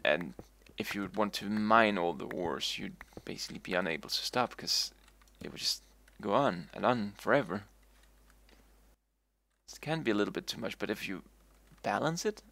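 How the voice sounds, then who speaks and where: Male streamer, low gravelly voice, rambling casual game commentary. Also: animated, normal speed, fairly bright tone. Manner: rambling, repeats and restarts himself.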